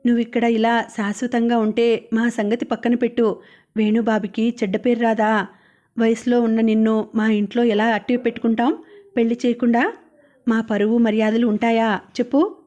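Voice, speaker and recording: A woman reading as a gentle older mistress of the house, soft coaxing voice, mellow tone, fairly high, storybook audiobook. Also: level tone, moderate pace, highs cut off, natural voice. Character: gentle older lady of the house, kind and caring.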